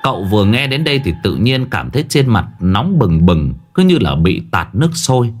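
Man telling a ghost story, lively voice. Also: fairly low pitch, moderate pace, faint music behind. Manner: dramatic storytelling. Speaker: narrator. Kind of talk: horror story narration.

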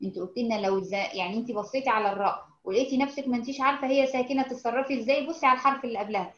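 Egyptian woman teaching recitation, high voice, patient and repetitive, lo-fi sound. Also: roomy sound. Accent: Egyptian Arabic. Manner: explains patiently, models words slowly and repeats them. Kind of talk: informal online lesson.

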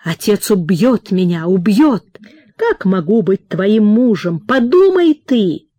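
A woman reading the part of a passionate, possessive young woman who speaks low and insistently. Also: sing-song, slow, dark tone, no room sound, studio quality. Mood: intense.

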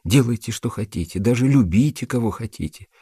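A man's voice: mid-range voice, lively intonation, a little fast, mellow, husky, no room sound, clean studio sound, pitched above the performer's own voice. A man doing a frantic jilted young woman. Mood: begging. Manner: threatening, then tearful and pleading.

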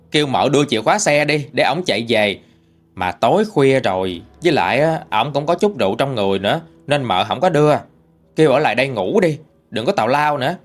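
A man with a Southern Vietnamese accent narrating a ghost story in a chatty, conversational way. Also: mid-range voice.

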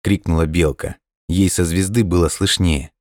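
Deep-voiced man reading a fairy tale. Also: steady tone, moderate pace, a little mellow, no echo, clean studio sound. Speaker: narrator. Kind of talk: storybook audiobook narration.

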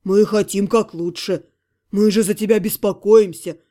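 A woman voicing a good-natured male half-gnome friend who scolds gently and coaxingly, in an audiobook. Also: medium pitch, steady tone, normal speed, voice pushed down, lightly acted. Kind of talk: audiobook character voice.

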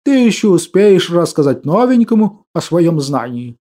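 A man voicing a wise, kindly old man who speaks slowly and solemnly in a warm voice. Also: high voice, very animated. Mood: calm.

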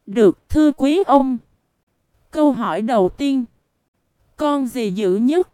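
A woman's voice: sits high, lively intonation, slow pace, warm tone, clean tone, dry recording, clean studio sound. A woman reading the lines of a polite, formal male game-show host in a story. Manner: formal, courteous.

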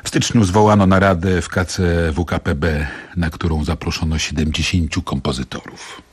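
An actor playing a weary, submissive Soviet composer, narrating a radio drama in the first person with a subdued, measured delivery. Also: male voice, deep voice, fairly even intonation, husky.

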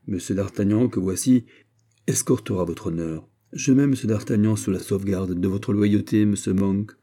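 Audiobook: male reader voicing a regal king, low, dark, courtly. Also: lightly acted. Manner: measured, courtly, gives orders. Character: proud exiled young king, calm and commanding. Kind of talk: audiobook character reading.

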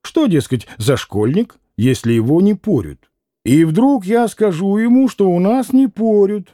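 A man's voice: high voice, expressive, unhurried, warm tone, no echo, studio quality, voice pushed up. A man doing a cocky schoolboy who lectures. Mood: lecturing. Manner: lecturing, condescending. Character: self-assured clever schoolboy.

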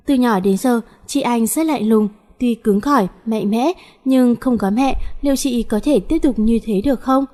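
A woman voicing a gentle teenage girl who coaxes and comforts her cousin. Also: a little high, normal speed, few pauses, lightly acted. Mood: coaxing. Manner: soft, coaxing.

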